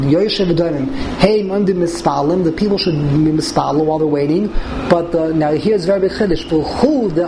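A man teaching an informal Talmud class as a rabbi, repeating and rephrasing as he explains phrase by phrase. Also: high voice. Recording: clearly noisy room recording.

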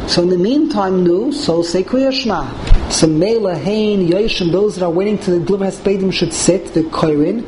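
A man's voice: high-pitched, normal speed, darkish tone. A man teaching an informal Talmud class as a rabbi, repeating and rephrasing as he explains phrase by phrase. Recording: clearly noisy room recording.

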